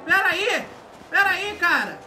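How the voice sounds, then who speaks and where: Game role-play: a squeaky, bright, hysterical homeowner, panicked and pleading. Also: male voice, sing-song, unhurried, a little hiss or hum, exaggerated voice. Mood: frantic. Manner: panicked, whiny, pleading shouts. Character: frantic shouting man, house on fire, face tattoo. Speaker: streamer playing a role-play game character.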